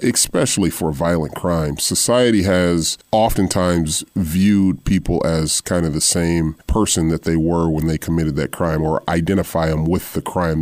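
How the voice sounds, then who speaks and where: A man hosting a radio interview, asking earnest, measured questions with frequent "uh" fillers. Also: deep voice, darkish tone, no room sound. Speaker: radio show host.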